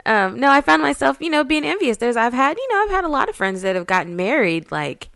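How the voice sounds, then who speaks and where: A woman's voice: sits high, very animated, a little fast, vocal fry, fairly bright tone, no room sound, clean studio sound. A woman, co-hosting a podcast in loose, chatty talk and laughing often. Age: 30s. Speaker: podcast co-host. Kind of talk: casual chat.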